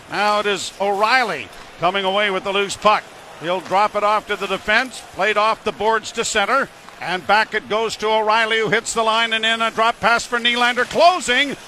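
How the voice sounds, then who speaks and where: Male hockey play-by-play commentator. Rapid running call, high voice, forceful bright edge. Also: a little hiss or hum.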